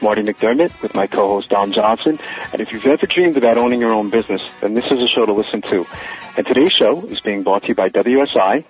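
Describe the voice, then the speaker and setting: A man in his forties hosting a radio interview show, upbeat and energetic, often laughing. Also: fairly low pitch. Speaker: radio talk show host. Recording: phone-like, narrow radio line.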